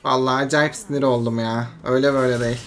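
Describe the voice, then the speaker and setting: Excitable gamer narrating own match. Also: mid-range voice, rapid-fire. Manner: excitable, swings between frustration and hype, talks himself calm. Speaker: game streamer. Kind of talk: live gameplay commentary.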